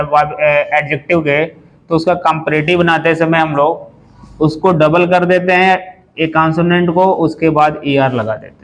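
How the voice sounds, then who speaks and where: A man teaching an English grammar lesson to a class. He explains slowly, spells words out letter by letter and often asks the class questions. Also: a little high, a little hiss or hum, low-quality recording.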